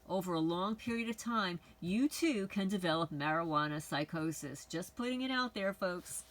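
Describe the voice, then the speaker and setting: A middle-aged woman from the Bronx, New York, hosts her channel and talks to viewers in a rambling, frank, casual personal monologue. Her voice is mid-range with a fairly bright tone, and the recording is rough.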